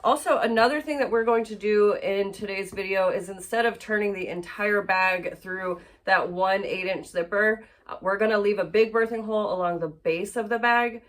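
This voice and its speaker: A sewing instructor leads a casual sewalong tutorial in a chatty style, her mid-range voice moving at a moderate pace. Allergies leave her a bit congested and slightly nasal, and she often uses fillers and restarts sentences.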